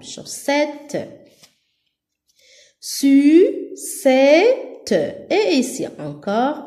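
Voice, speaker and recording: A woman teaching a first-grade lesson to young children, sounding out words slowly and clearly, syllable by syllable. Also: high-pitched, mellow. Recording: echoey room.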